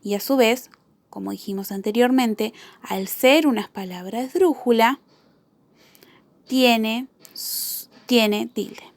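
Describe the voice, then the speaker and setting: A woman teacher giving a spelling lesson to children, repeating each example word slowly and carefully. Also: on the high side, no echo.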